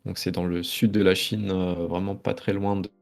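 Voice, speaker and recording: A man's voice: low voice, little pitch movement, moderate pace, creaky, faint music behind. A man in his thirties from France, a guest in a casual interview, talking in a rambling, hesitant way as he reminisces. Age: 30s.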